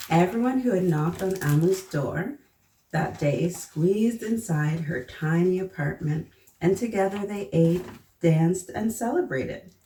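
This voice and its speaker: A woman with a mellow, lowish voice reads a picture book to children at an unhurried pace. She turns to her young listeners with questions as she goes. The sound is roomy and a little far from the mic. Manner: gently prompting listeners with questions. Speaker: children's storybook reader and host. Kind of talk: read-aloud storytelling with asides to children. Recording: roomy echo, distant mic, faint noise.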